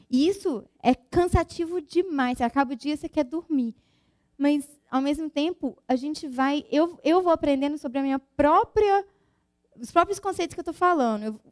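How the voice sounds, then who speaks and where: A woman with a fairly high voice gives an informal conference talk on physics. She talks in a chatty way, with tag questions and restarts, and she explains through lively everyday examples. Her voice sounds close and dry. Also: no echo.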